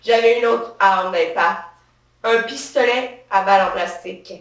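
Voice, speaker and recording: This time the same stage comedian speaks a bit slowly, her medium-pitched voice sounding natural as she portrays a touchy, power-proud, trigger-happy female cop in a satirical monologue. The bossy, swaggering officer is heard from a distance in the theatre's roomy acoustics.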